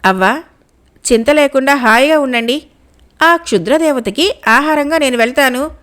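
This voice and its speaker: Calm young prince, voiced by a woman storyteller. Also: high-pitched, moderate pace. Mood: resolute. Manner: gentle, courteous, self-assured.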